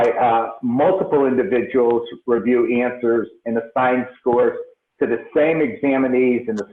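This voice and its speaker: A man presenting on a remote call, his voice echoing as if in a tunnel or underwater, speaking hesitantly with many filler pauses. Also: medium pitch. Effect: echoing tunnel sound, as if underwater. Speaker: presenter at a meeting. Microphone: remote call from a computer. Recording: echoey tinny video-call audio.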